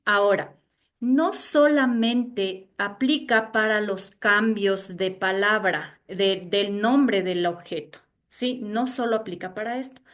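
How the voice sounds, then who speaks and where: A woman with an Ecuadorian highland accent teaching an online class, repeating herself and checking in with her students. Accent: Ecuadorian highland Spanish. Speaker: university teacher. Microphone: video call.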